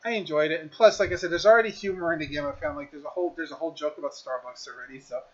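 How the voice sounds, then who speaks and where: A man's voice: fairly high pitch, racing, highs cut off. A man casually reviewing a video game on his stream, rambling with lots of fillers and restarts.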